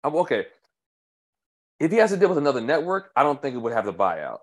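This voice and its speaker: A man co-hosting a sports podcast, talking in a loose, slangy way and now and then imitating people in a high voice. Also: very animated, quick pace. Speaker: podcast co-host. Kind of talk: casual sports chat.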